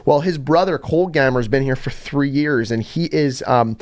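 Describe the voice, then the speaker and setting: A young man hosting a casual podcast, telling stories in an animated way. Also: normal speed. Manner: animated storyteller, jumps to high pitch in quotes. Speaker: podcast host.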